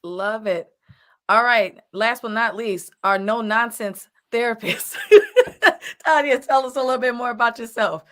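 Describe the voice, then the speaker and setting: A woman's voice: a little high, expressive, a little slow, fairly bright tone. A woman in her late thirties hosting a casual live chat show over a video call, upbeat and affirming. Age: 30s. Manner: upbeat, affirming, repeats "I love it". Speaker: host.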